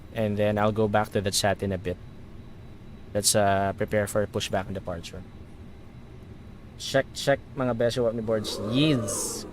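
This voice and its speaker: A man's voice: medium pitch, a little hiss or hum. A man with a Filipino accent, chatting casually as a livestreamer while running through virtual pilot procedures. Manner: chatty, switches between procedures and viewers. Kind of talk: casual flight simulator stream chat.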